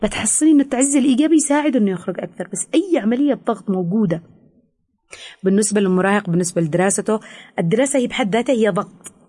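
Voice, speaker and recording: A woman with a Yemeni Arabic accent, a counselor explaining things in an interview, fast with frequent hesitations. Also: mid-range voice, animated, warm tone, breathy edge. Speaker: teen counselor. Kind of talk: expert interview answers.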